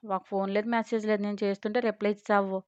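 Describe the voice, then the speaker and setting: A woman's voice: mid-range voice, level tone, fast talker, clean tone, no echo, close to an everyday voice. A brash young best friend who scolds in a rush and then talks her friend round with patient advice, read by a woman narrator. The storybook recording is dry and a little dull, with no room sound. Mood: teasing. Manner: loud scolding chatter, then soothing advice.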